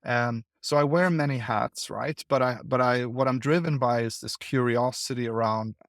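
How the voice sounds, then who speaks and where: Thoughtful male guest from Sweden, mid-pitched, dry close recording. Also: no room sound. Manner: thoughtful, halting with repeated words. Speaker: guest, investor. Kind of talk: conversational interview.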